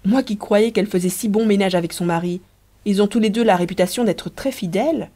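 A woman's voice: mid-range voice, fairly quick, mellow, natural voice. A woman reading as a naive earnest widow.

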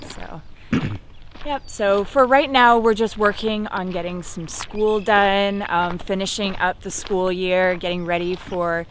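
A woman's voice: mid-range voice, fairly even intonation, a little slow, slight background noise. A woman in her thirties talking to a handheld camera by a lake, friendly and plain. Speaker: family vlogger. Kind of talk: casual vlog talk to camera. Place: outdoors by a lake. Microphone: handheld camera at arm's length.

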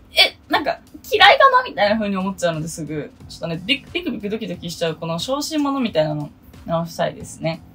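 Fast-talking low-voiced young woman from Okinawa. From Okinawa, Japan. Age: 20s. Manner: chatty, self-deprecating asides, quick laughs. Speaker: idol producer and vlogger. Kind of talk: casual solo vlog, reading out a list.

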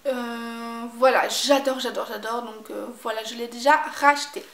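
High-pitched woman rambling about her used-up makeup, lots of fillers, kinda echoey room. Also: fairly even intonation, normal speed, creaky, a bit bright. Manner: chatty, repeats herself with many fillers. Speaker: beauty vlogger. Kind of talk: casual product review chat.

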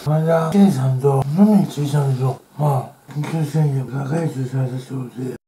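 At home in a roomy-sounding space with faint background noise, a man who hosts an eating-show vlog rambles through chatty stories between bites. He speaks casually and fairly quickly in a mid-range voice.

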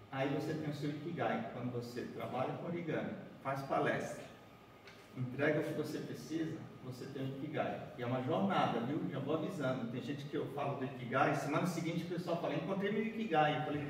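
A man's voice: fairly high pitch, slight background noise. A man in his forties giving an origami talk to a group in a large conference room. He is chatty and keeps checking in with his listeners as he walks and folds paper. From Bahia, Brazil. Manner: chatty, keeps asking "né?" and "certo?", walking and folding paper. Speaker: origami speaker. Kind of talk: workshop talk to a seated group. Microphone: far room camera, no mic seen. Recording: echoey hall heard from far off.

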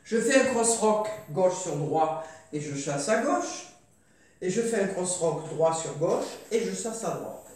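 A woman's voice: fairly low pitch, animated, unhurried, darkish tone. A woman teaching a line dance, hesitant with many fillers, calling out steps and counting beats. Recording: very echoey room, voice far from mic.

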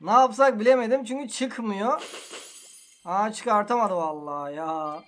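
A man's voice: high-pitched, a little slow, a little hiss or hum. A man hosting a gaming channel, giving casual gameplay commentary in an exasperated, complaining, slangy way.

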